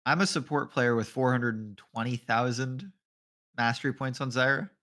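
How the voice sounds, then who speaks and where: A man doing color commentary on a live esports draft. He sounds relaxed and joking, laughs easily and lets the odd swear slip. His voice sits at an ordinary mid pitch. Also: moderate pace. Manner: casual and joking, laughs often, swears offhandedly.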